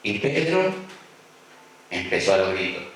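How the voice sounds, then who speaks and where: A man's voice: low voice, very animated, measured pace, a bit bright. A man with an Argentine accent preaching a sermon, acting out voices and repeating phrases for emphasis. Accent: Argentine Spanish. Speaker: pastor. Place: church hall. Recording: echoey church hall, mic far off.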